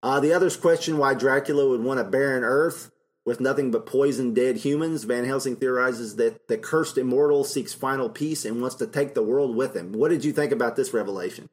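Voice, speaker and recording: A man's voice: mid-range voice, brisk. A man co-hosts a casual film podcast. He recaps scenes in a loose, rambling way, full of fillers and small laughs. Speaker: podcast co-host.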